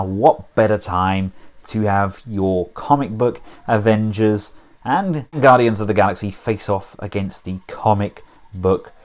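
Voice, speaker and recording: A man casually reviewing a collectible action figure, chatty with wry asides. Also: fairly low pitch.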